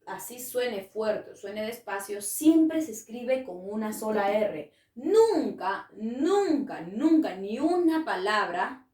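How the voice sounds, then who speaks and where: A woman's voice: mid-range voice, expressive, slow pace, hardly any pauses, a little mellow, recorded from a distance. A woman teaching a spelling lesson to children, patient and coaxing, often asking the class questions. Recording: echoey room, voice from off-mic.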